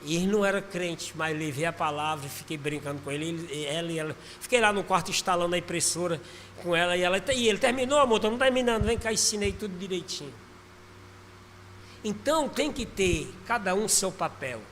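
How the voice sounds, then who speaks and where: A man preaching a lively sermon as pastor, with sudden loud bursts. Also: high-pitched, fairly quick. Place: church hall. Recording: reverberant church hall with faint background noise.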